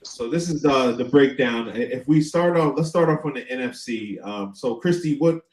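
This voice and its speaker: A middle-aged man hosting a casual sports chat, talking haltingly with lots of fillers. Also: mid-range voice, darkish tone, echoey room, poor audio. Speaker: host.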